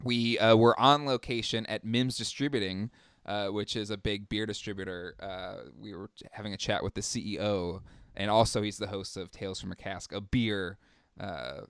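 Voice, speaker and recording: Guy in his 30s cohosting a podcast, smooth clear voice, rambly with lots of uhs, dry close sound. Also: fairly low pitch, fairly even intonation, normal speed, fairly bright tone, no room sound. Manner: rambling, filler-heavy, laughs often. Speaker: podcast co-host. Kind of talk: casual podcast chat.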